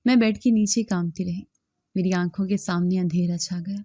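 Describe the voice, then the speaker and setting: A woman's voice: fairly low pitch, fairly even intonation, mellow, no room sound, clean studio sound. A woman reading a scripted first-person story with dramatic, emotional delivery.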